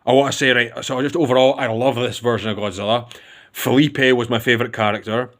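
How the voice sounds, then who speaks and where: A man's voice: medium pitch, fairly even intonation, brisk, a bit bright. A man giving a casual, rambling film review with enthusiasm, often restarting his sentences.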